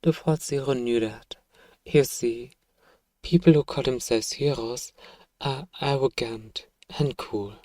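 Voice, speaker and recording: In an ASMR roleplay, a man plays a self-righteous evil emperor softly coaxing a child to sleep with a bedtime story, smug yet soothing. His mid-range voice is natural and slow, and the recording is dry.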